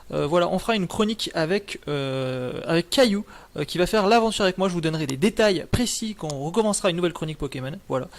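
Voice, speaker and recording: Young man, streamer, rambling casual talk, lots of fillers, slightly high voice. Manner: rambling, many fillers and restarts. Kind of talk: casual live-stream wrap-up.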